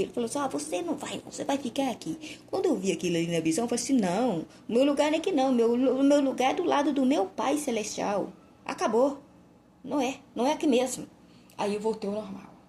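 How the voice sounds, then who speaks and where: A woman tells her religious testimony with fervent, emotional storytelling. Her voice sits on the higher side, with a faint hum behind it. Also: dark tone.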